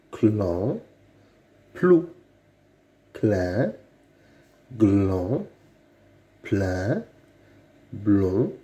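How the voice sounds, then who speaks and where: A man giving a slow phonics reading lesson for young children, saying each word several times over. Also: lowish voice, warm tone, highs cut off. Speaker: reading teacher.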